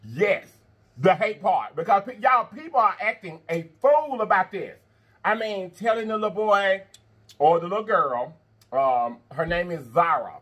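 Husky-voiced man hosting, higher pitch. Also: lively intonation, measured pace, a bit bright. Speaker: mukbang show host. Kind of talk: casual chat while eating. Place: indoor studio, seated at a table of food.

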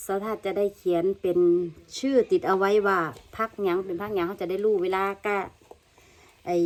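A woman's voice: mid-range voice, a little mellow. A woman from Thailand with an Isan Thai accent, chatting casually in a home gardening vlog and often addressing her viewers as brothers and sisters. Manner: chatty, keeps calling viewers "brothers and sisters", many fillers. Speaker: vlogger. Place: home where she lives abroad, with family noise around.

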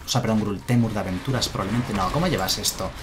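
A man's voice: lowish voice, fast, background noise. A man with a Spanish accent from Spain, casually commenting a game on a live stream and answering his chat. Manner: chatty, answers chat, muses aloud. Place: home room with a chair.

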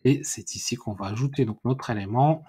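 A man giving a screen-recorded software tutorial, thinking aloud and correcting himself as he clicks through menus. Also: medium pitch, breathy edge. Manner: unhurried, thinking aloud with many fillers and self-corrections. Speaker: WordPress tutorial instructor.

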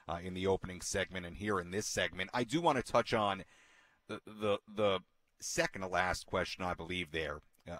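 A man's voice: deep voice, fairly bright tone, no room sound. A man in his thirties hosting a postgame radio show from a ballpark booth, talking earnestly and emphatically on a headset mic, with many fillers and repeated words. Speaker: radio sports host. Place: broadcast booth inside a ballpark.

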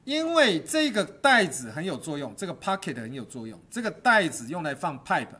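Middle-aged guy lecturing a stage design class, voice kinda husky and higher, jumps all over the place, keeps quizzing the room. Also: normal speed. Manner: animated, quizzes students and jokes; mixes English terms into his teaching. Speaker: university stagecraft teacher.

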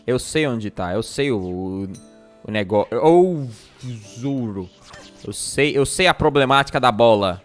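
A man's voice: mid-range voice, animated, measured pace, faint music behind. A young man with a Brazilian accent streaming a game live, shrieking and cursing when startled and laughing often. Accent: Brazilian Portuguese. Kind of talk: live gameplay commentary.

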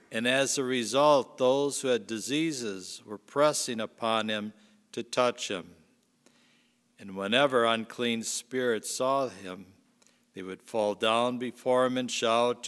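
A male priest proclaims the gospel and then preaches, his pace slow and deliberate. His voice sits at an ordinary pitch for a man. It carries a cathedral echo, a long reverb filling the large church. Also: fairly bright tone. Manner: measured, unhurried liturgical delivery. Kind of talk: gospel reading and homily.

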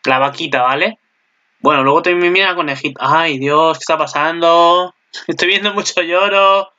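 A young man with an accent from Spain, giving casual anime commentary, excitable and swearing freely while laughing at himself. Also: on the high side, normal speed, lo-fi sound.

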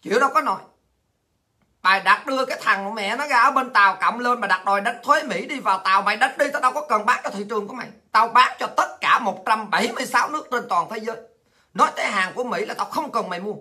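A woman hosting a heated political monologue, coarse and insulting, with shouted taunts. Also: on the high side, quick pace. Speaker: political commentary host.

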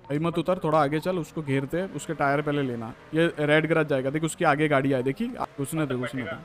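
A man's voice: a little high, steady tone, fairly quick, a little hiss or hum. A man in character as a gang leader in a role-play game, aggressive and barking orders.

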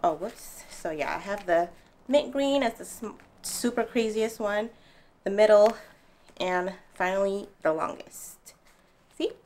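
A woman's voice: medium pitch, unhurried, a little mellow. Chatty young woman reviewing home gear. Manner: chatty and upbeat, speaks straight to viewers. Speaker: home fitness vlogger. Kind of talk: casual product review. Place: bright living room at home.

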